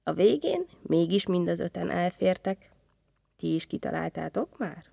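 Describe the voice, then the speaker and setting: Gravelly woman reading a children's story. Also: fairly low pitch, animated.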